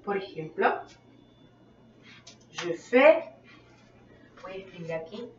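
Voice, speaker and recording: Woman teacher, first language Spanish, very slow, patient, repeats phrases, far from the mic, dull sound. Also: medium pitch, expressive, a little hiss or hum. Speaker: French teacher. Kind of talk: classroom lesson. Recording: roomy, distant, dull sound.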